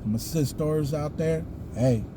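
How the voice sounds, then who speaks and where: A man's voice: fairly high pitch, a little slow, noisy background. A man with a Southern US accent telling a personal story casually to viewers, with folksy, colloquial phrasing. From the American South. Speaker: video host.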